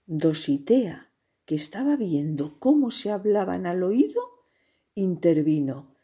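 Woman storyteller, children's tale, slow and breathy, lively rise and fall. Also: on the low side. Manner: expressive, slow and playful, with sound effects.

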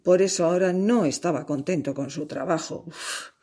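A woman telling a children's tale aloud, expressive, with lively asides and sighs. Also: on the low side, normal speed, husky. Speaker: storyteller. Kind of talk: oral storytelling.

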